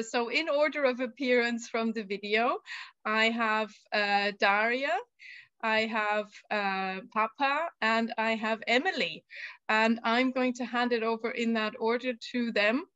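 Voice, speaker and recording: A woman's voice: a little high, fairly even intonation, unhurried, fairly bright tone, dry recording, lo-fi sound. A woman from Germany hosting a live video call as a tour guide, friendly and with frequent fillers. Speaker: UN tour guide, session host. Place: home room, indoors. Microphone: laptop video call.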